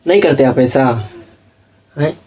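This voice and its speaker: A man's voice: mid-range voice, animated, slow pace, darkish tone, husky. A young man teaching a school class, lecturing as he goes and checking again and again that his students follow, sometimes acting out the children and parents he talks about. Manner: asks "samjhe?" after nearly every point.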